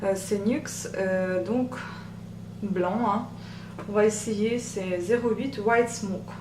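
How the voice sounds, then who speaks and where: Woman, soft voice, casual tutorial chat, hesitant; distant mic, roomy, loud hum behind. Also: medium pitch. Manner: chatty, hesitant with many pauses. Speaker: beauty vlogger. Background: machine hum.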